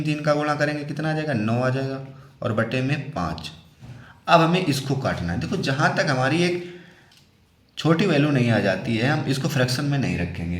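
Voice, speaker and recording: A man's voice: medium pitch, echoey room. A man patiently explaining a maths problem step by step, asking and answering his own questions as he goes. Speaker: maths teacher.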